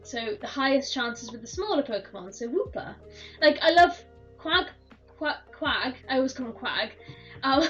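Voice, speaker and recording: A woman streaming a game, chatting in a rambling way with frequent laughs while her voice is hoarse and croaky. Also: high-pitched, animated, moderate pace, soft background music. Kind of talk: casual chat while gaming. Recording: dull, slightly distant mic.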